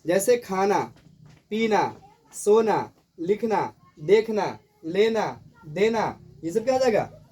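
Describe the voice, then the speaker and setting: A teacher runs a call-and-response grammar lesson, drilling terms over and over. The voice is husky and a little breathy. Questions are thrown out for the class to answer back. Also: medium pitch, sing-song, slow pace, pauses often, dark tone, far from the mic. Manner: repeats terms and asks questions for students to answer.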